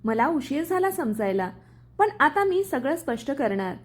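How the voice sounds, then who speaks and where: A woman's voice: high voice, sing-song, normal speed. A woman voicing a firm protective young husband. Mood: stern. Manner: firm, earnest.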